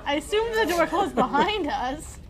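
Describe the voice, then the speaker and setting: A woman's voice: high-pitched, expressive, normal speed, a crowd in the background. A woman playing a tabletop game, chatting casually and jokingly with the group.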